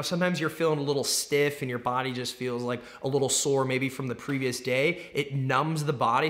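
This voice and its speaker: A man's voice: on the high side, a bit bright. A man talking casually as an athlete vlogger, explaining his routine in a conversational way and stressing words by repeating them. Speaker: athlete vlogger, competitive swimmer. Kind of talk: casual explanatory vlog talk.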